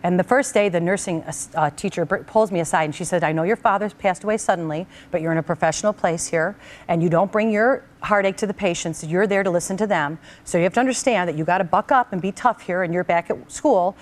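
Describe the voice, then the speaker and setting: A talk show host shares a personal memory with her guest, her voice sitting a little low for a woman. She tells it animatedly, slipping into the voices of the people she quotes and then coming back to her own. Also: fast talker.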